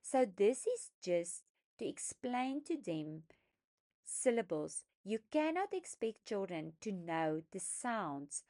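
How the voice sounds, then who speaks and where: A woman explaining a phonics lesson, speaking deliberately and stressing each sound as she sounds out words for young learners. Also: medium pitch, big pitch swings, warm tone. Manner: slow, deliberate, emphatic teaching voice, sounding out words. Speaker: phonics teacher trainer. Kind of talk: instructional lesson narration.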